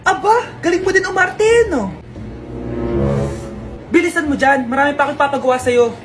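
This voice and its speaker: Brief: woman playing strict nagging mom, high and sharp, music behind. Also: steady tone, normal speed, close to an everyday voice. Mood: scolding. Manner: scolding, sharp. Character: bossy scolding mother, impatient. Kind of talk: comedy skit role-play.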